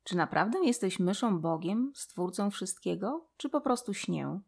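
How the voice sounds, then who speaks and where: A woman voicing a young female mouse who shouts and sobs in a storybook reading. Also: mid-range voice, lively intonation, a little slow, creaky, breathy edge, exaggerated voice. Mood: confused. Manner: tearful, shouting. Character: young female pink mouse, upset and confused.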